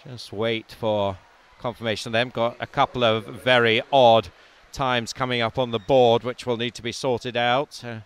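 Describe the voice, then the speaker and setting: At a moderate pace and in a clear, resonant mid-range voice, a man not from Wales calls a swimming meet live. Lanes and times come out calmly, though his voice rises for close finishes.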